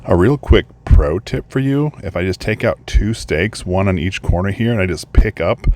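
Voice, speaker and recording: A man's voice: low voice, animated, moderate pace, darkish tone. A man chatting casually and upbeatly as he reviews a product, partly outdoors at a beach. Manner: chatty, upbeat, thinking aloud.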